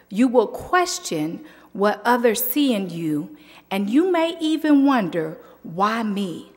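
Woman preaching slowly in a reverberant church. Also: mid-range voice. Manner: slow, deliberate preaching. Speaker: youth Sunday guest speaker. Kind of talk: sermon.

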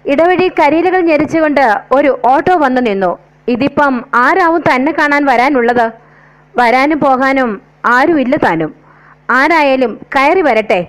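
Woman telling a sad story, high voice, slow and wistful. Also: rough recording. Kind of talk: scripted story narration.

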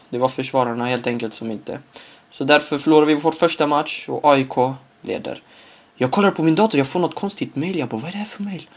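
Man, casual gameplay commentary, middle pitch, chatty, excitable, sudden high yelps and shouts, laughs at own jokes. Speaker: gaming video creator.

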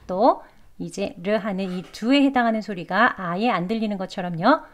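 Woman teaching English pronunciation. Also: mid-range voice. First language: Korean. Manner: explains slowly, models English phrases and repeats them many times. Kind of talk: pronunciation lesson.

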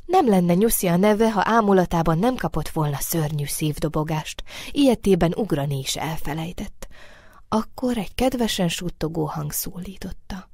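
A woman narrating a children's storybook in a gentle, expressive way, letting phrase ends drop soft. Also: fairly low pitch, no room sound. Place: recording studio.

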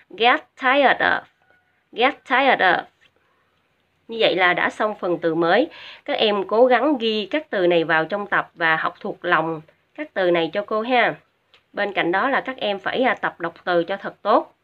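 A woman teacher with a Vietnamese accent, explaining English words in a patient, step-by-step way with small hesitant fillers. Her voice sits at an ordinary middle pitch. The recording is dull and lo-fi. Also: normal speed. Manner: patient, repeats each word twice for pronunciation drill. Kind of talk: recorded vocabulary lesson for students. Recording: dull lo-fi audio.

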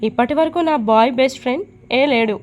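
Woman reading as blunt joking mom, higher voice, storybook. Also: a little fast, a little mellow, lo-fi sound, a little hiss or hum, close to an everyday voice. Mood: brusque. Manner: brusque, joking. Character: middle-aged mother, touchy and fond of jokes.

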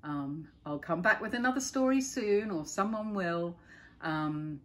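A woman's voice: fairly low pitch, expressive. A middle-aged woman reading a children's picture book aloud and chatting about the pictures between pages. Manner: gentle, chatty, pauses to point out pictures.

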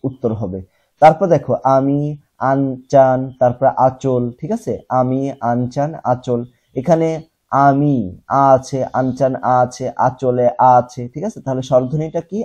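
A young male teacher with a very dark, mellow voice and a husky edge. He works through the lesson step by step, asks his students questions and answers them himself. He repeats single sounds slowly to show how they are said. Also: mid-range voice. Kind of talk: classroom lesson.

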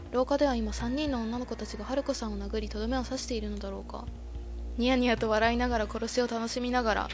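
Female game streamer, reads the story text aloud, fast, fairly high voice, faint music behind. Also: a little mellow. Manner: reads narration aloud with short startled reactions. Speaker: let's-play streamer.

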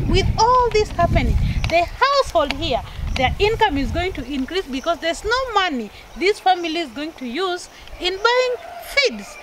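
A woman's voice: very high-pitched, slight background noise, rough recording. A middle-aged woman presenter outdoors on a farm, earnestly summing up and urging viewers. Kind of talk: persuasive summing-up to camera.

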